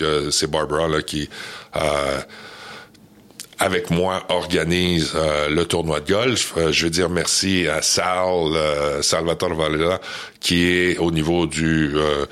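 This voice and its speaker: A man, a guest on a radio interview, speaking hesitantly with many pauses and restarts. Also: extremely low pitch, steady tone, a bit bright. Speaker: charity event organizer guest.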